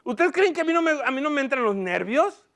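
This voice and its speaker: A male pastor preaching a lively sermon from a church platform, asking the congregation questions and mixing in English words. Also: very high-pitched, a little fast.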